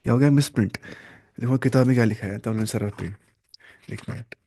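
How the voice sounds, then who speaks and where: A man gives an online Arabic grammar lesson at an average pitch. He works through the material step by step and asks the class questions that he then answers himself. He mixes in English terms and slows down to read Arabic words. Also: warm tone. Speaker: Arabic teacher.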